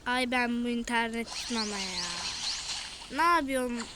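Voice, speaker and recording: Loud game music plays behind this young female gaming host as she chats casually about her gameplay, frequently fed up and grumbling to her audience. Her voice is on the high side, and she speaks at normal speed.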